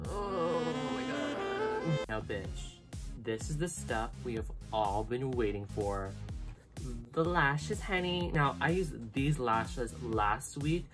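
A woman hosts a makeup tutorial in a very deep, low voice, sassy and full of swearing. She gushes dramatically over each step of her routine. Music plays clearly behind her. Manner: sassy, profane, dramatic exclamations. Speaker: makeup vlogger. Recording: music playing underneath.

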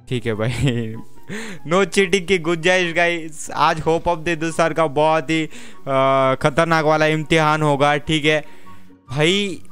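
A young man talking casually on a live game stream, excitable, joking and pleading with the other players. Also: on the high side, smooth. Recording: game music playing behind the voice.

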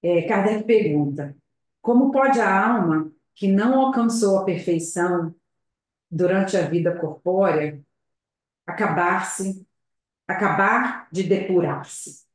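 Woman, lowish voice, spiritist lecture over a video call, slow and hesitant, heavy room echo. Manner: slow, reflective, hesitant, with frequent tag questions. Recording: very echoey room.

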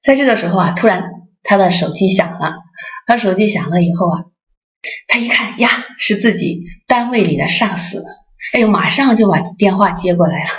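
A woman who heads a Buddhist association, giving a dharma talk with lively storytelling and acted-out voices, in a dull lo-fi recording. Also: medium pitch, moderate pace.

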